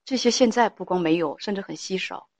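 A woman's voice: mid-range voice, brisk, darkish tone, no room sound. A woman hosting a call-in advice show, lecturing a caller with pointed rhetorical questions.

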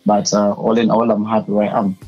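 A young man with a Ugandan English accent talks about his path into media in a casual interview. His voice sits low and has a husky edge. He pauses often and fills the gaps with "uh". The sound is dull and muffled. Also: little pitch movement, darkish tone, faint music behind. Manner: hesitant, many filler sounds. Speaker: guest, media personality and public speaker.

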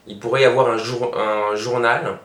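A man's voice: mid-range voice, moderate pace. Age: middle-aged. Sex: man. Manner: rambling comedian in an echoey room. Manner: rambling, animated storytelling with many restarts. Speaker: stand-up comedian, guest. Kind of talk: casual chat.

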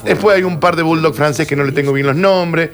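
An Argentine man co-hosting a talk show, telling stories with animated mock outrage in casual banter. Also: fairly high pitch, fairly quick. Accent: Argentine Spanish. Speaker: radio show co-host.

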